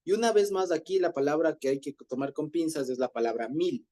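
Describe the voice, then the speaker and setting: Man, Bible study teacher, conversational, explains word meanings, warm tone, somewhat high voice. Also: expressive, brisk. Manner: conversational, explains Hebrew words, rephrases often. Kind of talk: informal group Bible study.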